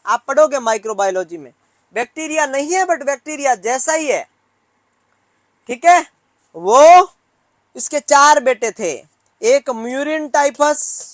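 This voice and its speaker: A man leads a nursing exam class, his voice pitched high and unhurried. He keeps firing the same question back at the students and scolds them playfully. The sound is dry, with no room echo. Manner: mixes Hindi with English terms. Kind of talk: classroom lecture.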